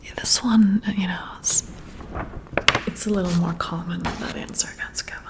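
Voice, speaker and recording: Speaking at a fairly low pitch in a steady, lightly acted tone, a woman portrays an intrigued, flirty boss giving a personality test. This ASMR roleplay features slow, breathy, admiring whispers close to the mic, with a gentle hesitance.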